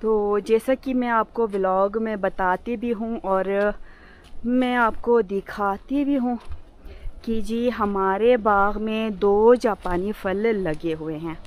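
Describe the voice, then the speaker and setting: Hoarse from a sore throat, this woman from Gilgit-Baltistan, Pakistan, narrates a casual vlog of her home village, some of it outside on the rooftop and in the garden. She is soft-spoken, drops in a polite "ji" again and again, and talks slowly in a mid-range voice with fairly even intonation.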